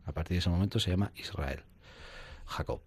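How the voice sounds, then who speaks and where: A man's voice: deep voice, fairly quick, breathy edge, no echo. A man, a priest, telling his spiritual experiences in an interview, acting out scenes with little sound effects and quoted voices. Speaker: priest guest. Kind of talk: reflective spiritual conversation.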